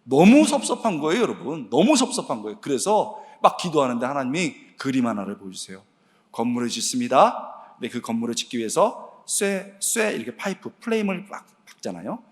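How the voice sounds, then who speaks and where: A middle-aged man preaching a sermon in a church sanctuary, telling a personal story in an animated, exclamatory way and often addressing the congregation directly. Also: medium pitch, brisk. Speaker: guest preacher and preaching professor. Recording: long church-hall reverb.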